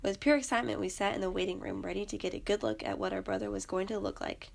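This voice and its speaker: A woman's voice: medium pitch, steady tone, quick pace, creaky. A young woman earnestly reading aloud a personal story she wrote as a student. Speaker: student narrator.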